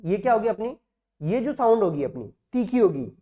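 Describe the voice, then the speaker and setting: A man's voice: high voice, sing-song, moderate pace, dark tone. A man teaching nursing exam material in a classroom lecture style, repeating key words and asking and answering his own questions.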